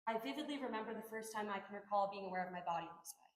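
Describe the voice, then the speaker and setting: A woman's voice: medium pitch, very fast, reverberant, poor audio. A young woman performing a reflective personal monologue with earnest, dramatic emphasis. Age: young adult.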